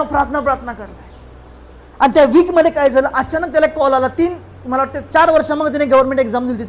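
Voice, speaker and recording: A man with a very high voice and a Marathi accent preaches a sermon in a church hall, emphatic as he leads the congregation in calls of hallelujah. There is slight background noise.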